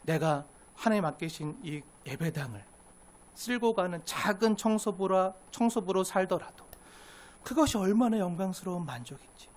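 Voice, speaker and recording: High-voiced earnest preacher. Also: male voice, animated, normal speed. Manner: earnest, swings between raised emphatic lines and hushed low asides; acts out quoted complaints in a sharper, pushier voice. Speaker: pastor. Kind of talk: sermon.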